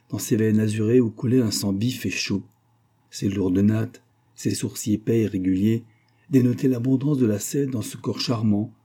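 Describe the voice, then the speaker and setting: A man narrates a classic novel in a steady, measured reading. His voice sits low and dark, with a husky grain. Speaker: audiobook reader. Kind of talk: scripted narration.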